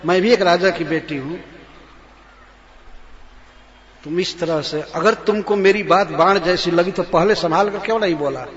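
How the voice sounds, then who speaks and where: A man voicing a furious, taunting queen who throws loud accusing questions at her husband. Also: high-pitched, a little fast, natural voice. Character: furious taunting queen, proud king's daughter. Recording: long reverb, dull lo-fi sound.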